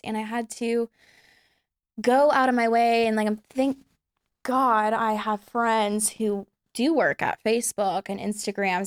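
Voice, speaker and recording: A young woman chatting candidly as a podcast guest, laughing often and filling pauses with ums. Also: mid-range voice, creaky, dry recording, studio quality. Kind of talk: casual chat.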